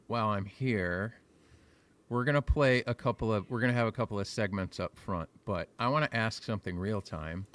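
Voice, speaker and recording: A man's voice: lowish voice, a bit bright. Joking male livestream host. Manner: joking, loose and talkative. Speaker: show host. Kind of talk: casual livestream chat.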